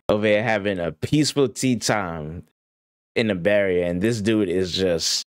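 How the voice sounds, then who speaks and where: Deep-voiced man rambling excitedly. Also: unhurried, dry recording, clean studio sound. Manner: excited, slangy, rambling with restarts. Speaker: gaming YouTuber reacting to a trailer. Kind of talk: casual reaction commentary.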